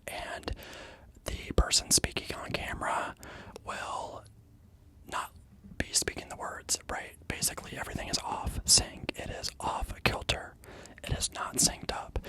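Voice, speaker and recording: An ASMR channel host whispering softly into a handheld field recorder with a fluffy windscreen, repeating words for their sound. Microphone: handheld field recorder with fluffy windscreen, stereo.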